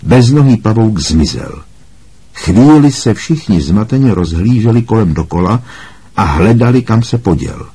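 A man reading a story aloud as an audiobook narrator, measured and voicing the dialogue. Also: fairly low pitch, animated, warm tone, breathy edge. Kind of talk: scripted narration.

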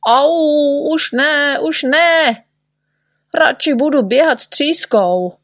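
A woman's voice: a little high, lively intonation, dry recording, studio quality. A woman voicing a clumsy, boastful little male shorty who yelps and whines about pain. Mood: whining. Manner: whiny, yelping, scared of pain.

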